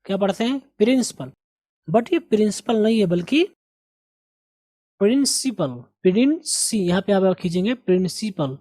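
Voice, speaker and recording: A man teaching an English lesson, patiently repeating words and sentences slowly for pronunciation practice. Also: high-pitched, mellow, no echo. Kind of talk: recorded language lesson.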